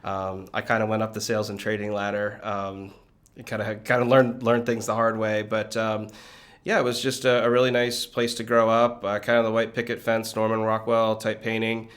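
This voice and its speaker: Low-voiced, relaxed man from Connecticut. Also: moderate pace. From Connecticut, USA. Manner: relaxed and reflective, with frequent fillers. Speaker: guest, business leader. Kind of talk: conversational interview.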